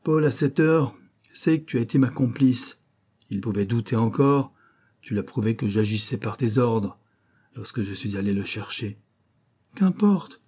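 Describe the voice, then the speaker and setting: A man voicing a grave, bitter middle-aged banker father in an audiobook, speaking low and hushed. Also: lively intonation, a little slow, husky. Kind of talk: audiobook character reading.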